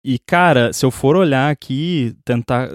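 Male podcast host, mid pitch, laid-back rambling delivery, dry close sound. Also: unhurried, no room sound. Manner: relaxed, rambling with fillers. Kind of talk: casual tech chat.

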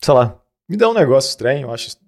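Brazilian male co-host, mid pitch, easygoing and chuckling. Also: fast, creaky. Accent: Brazilian Portuguese. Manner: laughs often, animated when mimicking others. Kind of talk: casual tech chat.

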